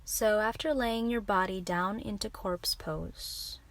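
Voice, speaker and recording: At an easy, unhurried pace, a woman serving as a yoga teacher walks listeners through a guided relaxation with soothing, gentle directions. She speaks at a medium pitch.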